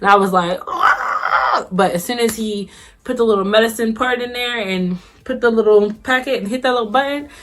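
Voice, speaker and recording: Animated young woman telling a story. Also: fairly quick. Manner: animated, acts out quotes with big pitch jumps. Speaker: vlogger. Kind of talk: casual storytelling.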